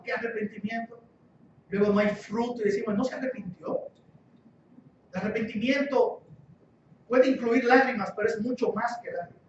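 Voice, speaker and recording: A man with a high voice preaches a sermon, pressing his points and repeating key phrases. He sounds far from the microphone, with heavy echo in a church hall and a dull, muffled tone. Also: a little hiss or hum. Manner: emphatic, repeats key phrases, rhetorical questions. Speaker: guest pastor. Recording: echoey church hall, distant dull mic.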